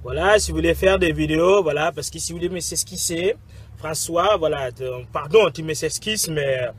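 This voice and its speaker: A man playing a loud, indignant character who shouts complaints and insults at the president in a comedy sketch. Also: on the high side, moderate pace, slight background noise, voice pushed up, natural voice. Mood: sheepish.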